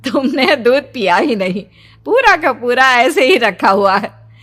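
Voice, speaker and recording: Worried middle-aged mother, fussing, gently scolding, high voice, unhurried, woman narrator doing her. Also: big pitch swings, heavily acted. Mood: soothing, scolding.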